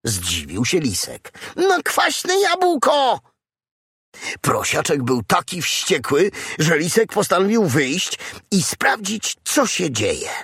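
Gravelly, slow, lively male storyteller. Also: mid-range voice, no echo, studio quality. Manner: expressive, dramatic storytelling. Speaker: audiobook narrator. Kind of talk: children's audiobook narration.

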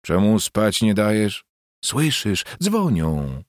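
A man reading an audiobook, voicing a shrill, sharp-tongued peasant wife who scolds and mocks her husband. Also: wildly swooping pitch, slow pace, dry recording, clean studio sound, exaggerated voice. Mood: scolding. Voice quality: shrill, mocking and jeering.

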